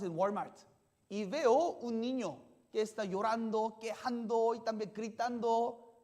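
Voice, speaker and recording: A pastor preaching a sermon in simple, halting sentences. The pastor keeps asking the congregation questions and checking in with "yes?". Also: medium pitch, a little mellow. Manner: simple, halting phrasing with restarts.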